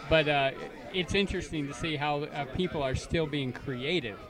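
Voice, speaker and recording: A man's voice: fairly high pitch, moderate pace, distant mic, a crowd in the background. A man from Canada interviewing filmmakers, joking and stammering through his questions. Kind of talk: casual interview.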